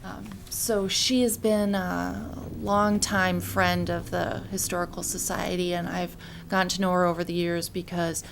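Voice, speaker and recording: A woman's voice: lowish voice, flat delivery, measured pace, creaky, slight background noise. A woman who acts as library director and explains matters plainly at a public board meeting, with some fillers. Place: meeting room.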